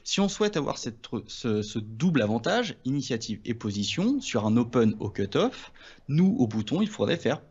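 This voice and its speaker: A man walking through poker ideas in a relaxed lesson. He talks hesitantly and keeps restarting his phrases. The sound is a little dull and muffled. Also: mid-range voice, moderate pace, husky. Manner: hesitant, many restarts and fillers. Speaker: poker coach. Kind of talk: casual two-host poker lesson.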